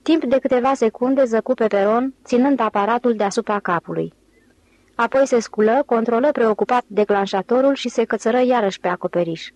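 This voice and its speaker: A woman narrating an audiobook in a steady, clear storytelling manner. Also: fairly high pitch, dry recording. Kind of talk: scripted narration.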